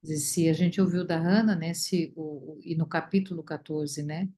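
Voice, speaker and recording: A woman leading a study group, talking reflectively with many pauses and fillers over a video call. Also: deep voice, steady tone, dark tone, husky. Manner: thoughtful, many fillers and restarts.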